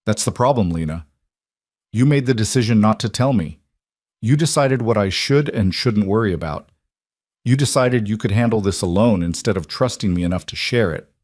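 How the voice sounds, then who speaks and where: A betrayed single father, voiced by a male narrator confronts his partner, hollow and bitter. His voice stays low with a sharp, accusing edge. The sound is dry and close. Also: lively intonation, normal speed, no echo. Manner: hollow, cold fury turning sharp.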